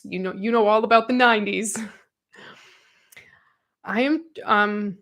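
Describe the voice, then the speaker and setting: A woman in her thirties talking casually as a podcast co-host. She is chatty and animated, reading listener comments aloud and laughing often along the way. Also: medium pitch, unhurried.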